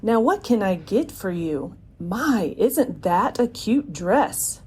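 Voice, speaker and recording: A woman's voice: medium pitch, sing-song, slow pace, darkish tone, slightly rough, heavily acted. A woman voicing a welcoming cafe hostess who talks in sing-song rhymes, in a hobby audio story. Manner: sing-song rhyming speech.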